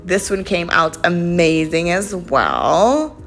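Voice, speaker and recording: Over faint background music, a young woman rambles chattily about her crafts in a casual voice-over, full of fillers, as a craft vlogger. Her voice is on the low side and a bit bright, with lively intonation and a slow pace.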